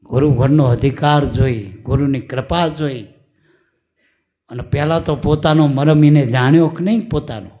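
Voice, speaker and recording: A man's voice: fairly high pitch, moderate pace, warm tone. Man giving a folksy devotional discourse. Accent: Gujarati. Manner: folksy, storytelling, addresses listeners as "my dear". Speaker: spiritual teacher.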